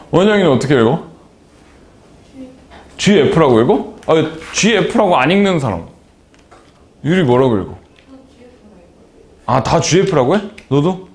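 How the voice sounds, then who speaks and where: A man's voice: on the high side, sing-song, measured pace, pauses often. A man teaching a math class, chatting with students and teasing them by name between explanations. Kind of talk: classroom lecture with banter.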